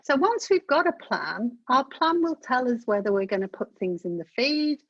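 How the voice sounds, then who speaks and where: A woman's voice: high-pitched, sing-song, normal speed, fairly bright tone, husky, no echo. A woman giving a business webinar in a chatty, practical way, talking straight to her audience. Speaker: webinar presenter. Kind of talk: instructional webinar talk. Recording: dull dry webinar audio.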